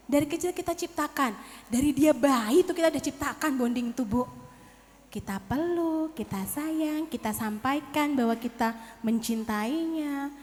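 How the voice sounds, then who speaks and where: High-voiced woman speaking in a hall. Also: moderate pace. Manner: lively, addresses audience as Bu, acts out quotes. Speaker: parenting seminar speaker. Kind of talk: seminar talk to parents. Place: seminar hall. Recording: reverberant hall.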